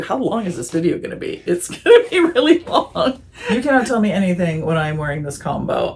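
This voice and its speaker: A woman's voice: fairly low pitch, slight background noise. A woman vlogger chatting casually and enthusiastically as she sorts her summer clothes. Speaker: fashion vlogger. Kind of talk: casual chat.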